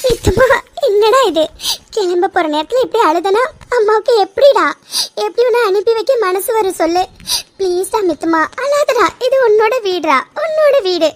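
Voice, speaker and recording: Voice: extremely high pitch, animated, moderate pace. A woman voicing a tender, tearful mother pleading with her daughter in a cartoon drama. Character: tearful loving mother, middle-aged woman.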